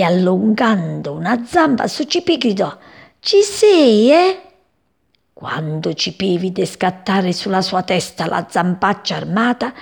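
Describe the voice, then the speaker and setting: A woman reading a children's story aloud in a gentle, expressive way. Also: medium pitch, vocal fry, slightly rough.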